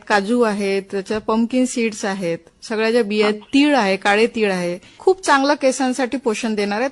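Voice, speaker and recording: A woman doctor with a slightly high voice explains and instructs on a phone-in show. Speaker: Ayurvedic doctor, studio guest. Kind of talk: spoken advice on a phone-in.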